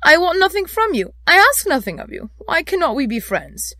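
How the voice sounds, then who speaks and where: A woman voicing a cheerful, warm-hearted young man in a storybook, earnest and eager. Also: fairly high pitch, animated, moderate pace, no room sound, studio quality, voice pushed up, natural voice. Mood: pleading. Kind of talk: dramatised classic storybook reading.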